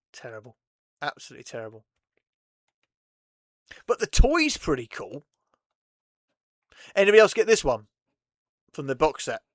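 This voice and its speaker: A man's voice: sits high, huge pitch swings, unhurried, long pauses, dry recording, clean studio sound. A man hosting a casual chat, rambling and laughing often between thoughts. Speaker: host.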